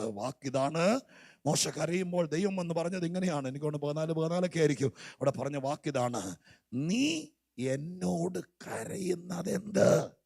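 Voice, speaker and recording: A man preaching a sermon as a pastor. He talks with dramatic swings, climbing from quiet storytelling up to shouted lines, and acts out the voices of people in his stories. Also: on the high side, no echo.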